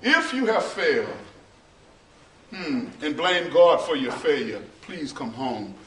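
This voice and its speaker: Pastor, man, middle-aged, sermon, slow delivery, echoey church from far off. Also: on the high side, big pitch swings, slight background noise. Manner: slow, preachy, rises to shouting and half-singing. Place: small church sanctuary. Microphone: far camera, no mic seen. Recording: roomy church echo from far off.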